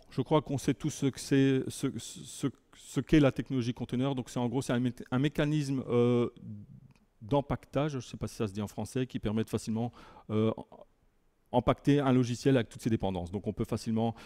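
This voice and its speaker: A man's voice: medium pitch, dark tone. A Belgian man with a French accent from near the Lille border, giving a conference talk to a live audience, hesitant with many fillers and restarts. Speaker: conference speaker. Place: meeting room with an audience.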